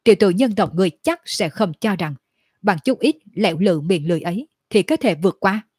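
A woman's voice: medium pitch, animated, fairly quick, darkish tone, slightly rough, dry recording, clean studio sound. A woman reading as a fierce young demon lord. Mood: menacing.

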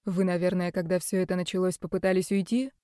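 A woman voicing a composed young man who speaks in a hushed, measured way. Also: lowish voice, little pitch movement, clear, resonant tone, dry recording, clean studio sound, close to an everyday voice. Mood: calm. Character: calm composed young man, quietly reasoning.

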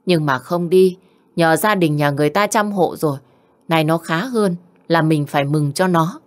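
A woman voicing a mild older father-in-law who reasons gently with his wife. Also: deep voice, normal speed, natural voice. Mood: coaxing.

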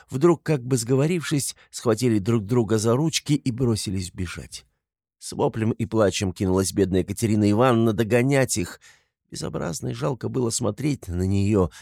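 A man narrating a classic novel in a measured, even manner. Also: lowish voice, vocal fry, no room sound, studio quality. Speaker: audiobook narrator. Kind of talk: scripted literary narration.

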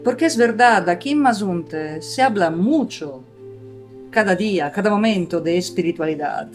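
A woman's voice: mid-range voice, animated, moderate pace, soft background music. A woman hosting a community radio conversation, talking in a reflective way and asking musing questions. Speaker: radio host.

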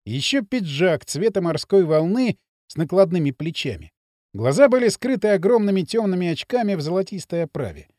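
A man narrating an audiobook with an expressive storytelling delivery. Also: high-pitched, a little fast, no echo, studio quality.

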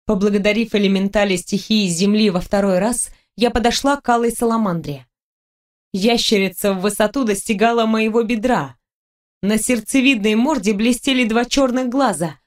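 A woman reading a first-person fantasy audiobook in a calm, even storytelling manner. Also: mid-range voice. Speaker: audiobook narrator.

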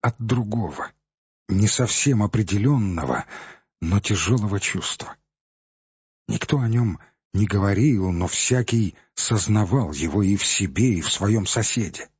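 A man narrating an audiobook in a measured, steady storytelling manner. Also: on the low side, husky, no echo, highs cut off. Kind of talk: scripted narration.

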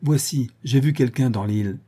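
A plain-spoken henchman, uneasy and blunt, read by a male narrator. The voice is dark and husky, only slightly raised. It comes from a read-aloud novel. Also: medium pitch, moderate pace, natural voice. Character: nervous henchman, adult man, blunt.

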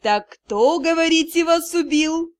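A woman's voice: very high-pitched, lively intonation, measured pace, no room sound, voice pushed up. A woman voicing a stern male lord-director mage in an audiobook, clipped and sugary-sarcastic.

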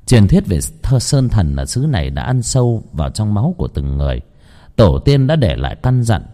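A man's voice: lowish voice, warm tone. A man narrating a ghost story in a dramatic, suspenseful way. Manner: dramatic, suspenseful, wide-ranging delivery.

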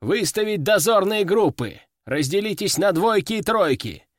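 A man voicing a gruff, bossy male army veteran who barks orders and curses at his soldiers, in an audiobook. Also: high voice, lively intonation, moderate pace, no room sound, clean studio sound, pitched above the performer's own voice. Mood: barking.

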